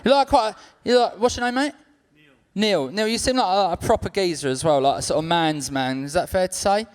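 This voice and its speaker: A man's voice: sits high, a little fast, smooth. A man with a South London accent doing live stand-up comedy, chatty and cheeky with the audience in slangy speech.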